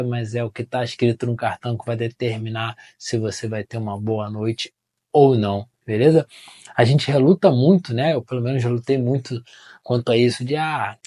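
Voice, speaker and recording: A man with a Brazilian accent teaching marketing in a relaxed, chatty way. His voice sits at an ordinary middle pitch for a man. He keeps checking in with the listener through quick tag questions. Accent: Brazilian Portuguese. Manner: conversational, often ends phrases with tag questions. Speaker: marketing educator. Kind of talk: casual explanatory talk to camera.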